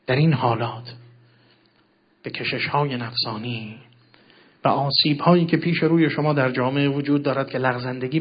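Husky male preacher, dull lo-fi recording. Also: medium pitch. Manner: chants Arabic phrases slowly and loudly, then explains softly. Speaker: cleric teaching a sermon. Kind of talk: sermon explaining a classical Arabic text in Persian.

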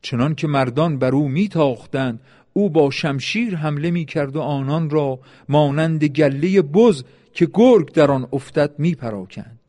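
Solemn male storyteller, higher voice. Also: mellow. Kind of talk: scripted historical narration.

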